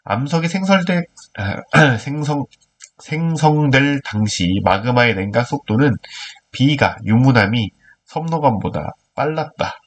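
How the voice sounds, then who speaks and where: A man's voice: mid-range voice, expressive, unhurried. A man with a nasal, stuffy-nosed voice teaching a video lesson, explaining problems step by step in an informal way with rhetorical questions. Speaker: earth science teacher.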